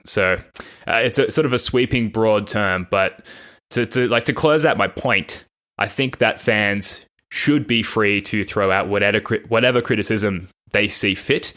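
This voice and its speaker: A man's voice: fairly low pitch, fairly bright tone. An Australian man hosting a casual sports podcast, rambling and self-deprecating, laughing now and then. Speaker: podcast host.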